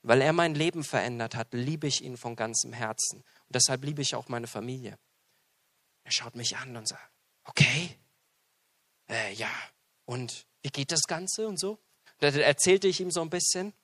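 A man preaching a sermon, who tells a personal story and acts out the dialogue in it, with big swings between loud and quiet. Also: mid-range voice, moderate pace.

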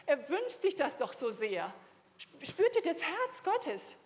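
A woman's voice: high voice, huge pitch swings, slow, in a large hall. A middle-aged woman preaching a sermon to a congregation, emphatic and at times rising to fervent exclamations. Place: church hall.

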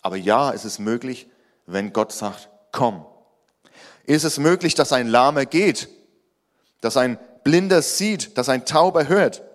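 A man preaching a sermon. He is animated and raises his voice to act out quoted lines, then drops low and quiet for emphasis. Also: measured pace. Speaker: pastor.

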